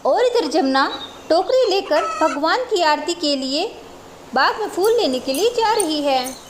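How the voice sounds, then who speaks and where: A woman storyteller giving steady, simple scripted narration for a children's village tale. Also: high-pitched, unhurried, noisy background.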